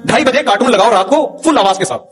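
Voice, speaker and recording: A man's voice: very high voice, animated, fast talker, soft background music. A middle-aged man, an Islamic cleric, giving an informal religious talk, telling stories with humor and chuckling as he goes.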